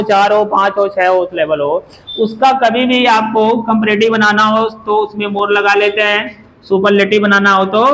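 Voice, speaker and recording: In a classroom grammar lecture, a high-voiced man keeps questioning his students and repeats words again and again as drills. The audio is poor, with slight background noise.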